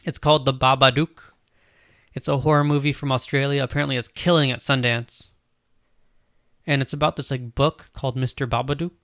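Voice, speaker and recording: Man, relaxed podcast co-host. Rambling, filler-heavy delivery, dry close sound. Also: mid-range voice, fairly quick, no echo. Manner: loose, rambling, lots of "like" and "um". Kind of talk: casual movie news chat.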